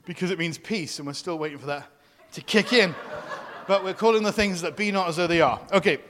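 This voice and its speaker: A pastor teaching from the pulpit, his fairly high voice carried by the long reverb of a big hall. He slips into animated impressions of the people he quotes, then drops back into plain teaching. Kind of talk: teaching sermon.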